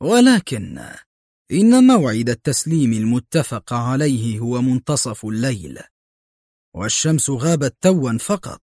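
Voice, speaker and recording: Reader plays a wary male crime boss for an audiobook: guarded, tense, lively, dry. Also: mid-range voice, moderate pace, dry recording. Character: wary, angry male drug-gang boss.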